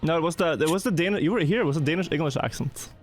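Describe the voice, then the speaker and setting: A man's voice: fairly high pitch, racing. A man hosting a live gaming stream, chatting casually and often repeating words as he talks. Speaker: streamer host.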